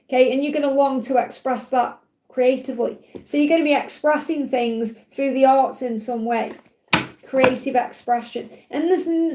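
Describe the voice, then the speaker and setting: Woman, Stoke-on-Trent accent, high voice, reassuring live-stream card reader, echoey room. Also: a little mellow. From Stoke-on-Trent, England. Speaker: host giving live card readings. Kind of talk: live-stream psychic reading, casual chat to viewers. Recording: roomy, echoey sound.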